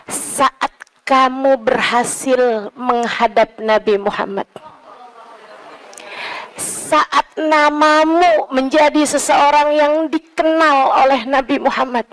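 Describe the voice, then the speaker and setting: High-voiced woman preaching lively. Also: takes it slowly, rough recording. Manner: lively storytelling, acts out voices in quotes, drops to hushed tones. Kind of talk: Islamic sermon.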